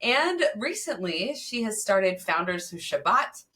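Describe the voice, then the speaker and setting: A bright, clear-toned woman hosts a podcast interview, upbeat and quick to laugh. She sits a little back from her mic, so her voice has a slightly distant edge. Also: medium pitch, sing-song. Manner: enthusiastic, laughs easily. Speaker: podcast host.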